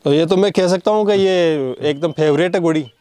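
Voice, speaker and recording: A man's voice: fairly high pitch, normal speed, warm tone, no echo. A man hosting a casual interview, asking questions, repeating the answers back and humming in agreement. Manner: inquisitive, repeats answers back, frequent hums of assent. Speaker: host interviewing a horse owner.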